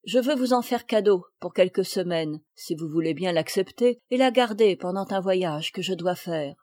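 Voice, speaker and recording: A woman's voice: lively intonation, normal speed, no room sound, studio quality, close to an everyday voice. A woman voicing a stout, harsh stepmother who gushes to guests and screeches at her stepdaughter. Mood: gushing. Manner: loud, effusive, shrill when angry.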